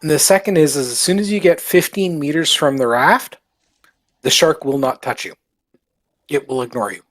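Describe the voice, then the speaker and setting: A man's voice: fairly high pitch, normal speed, a bit bright. A man chatting during a game session, explaining rules with a wry edge. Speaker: gamer on a stream. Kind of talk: casual chat while gaming.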